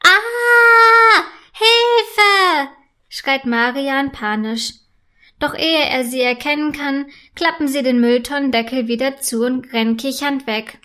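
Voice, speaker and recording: Woman, children's story narrator, high voice, slow calm read-aloud pace.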